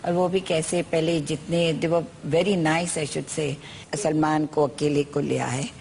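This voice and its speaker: A woman's voice: low-pitched, little pitch movement, takes it slowly, vocal fry, a little mellow, slight background noise. An older woman, a mother on a talk show, chatting casually and mixing Hindi and English. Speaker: guest, mother. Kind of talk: casual chat.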